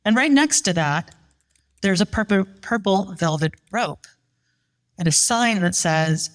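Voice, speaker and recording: Lively woman telling a story live. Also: mid-range voice, measured pace. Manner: animated, voices the people she quotes. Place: live show at a winery.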